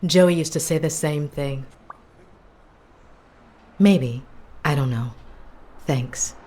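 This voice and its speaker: A low-pitched working woman in a video game, a fast food cashier at a diner. She sounds weary and guarded, with a hesitant way of answering. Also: warm tone.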